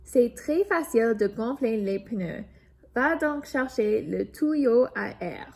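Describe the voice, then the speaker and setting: A woman voicing a patient, reassuring older sister in a children's storybook, speaking gently. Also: on the high side, animated, slow.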